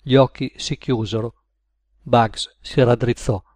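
A man narrating an audiobook story in a steady, measured manner. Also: medium pitch, no echo, studio quality.

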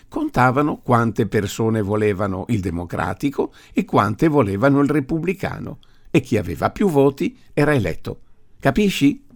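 A man voicing a stubborn old grandfather in an audiobook reading, speaking forcefully and with indignation. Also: medium pitch, creaky. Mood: explaining. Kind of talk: audiobook character voice.

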